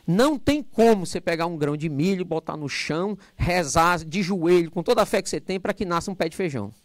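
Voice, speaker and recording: A middle-aged man giving a spiritist lecture to a live audience, talking loudly and animatedly with joking asides, into a handheld microphone. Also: sits high, expressive, fairly quick, no echo.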